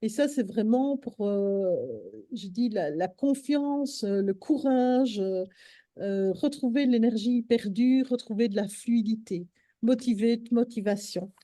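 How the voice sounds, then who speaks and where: Woman, casual live-stream chat, halting with fillers, slightly high voice, dry close sound. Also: warm tone, no echo. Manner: hesitant, many fillers and restarts. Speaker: host of a live stream on essential oils.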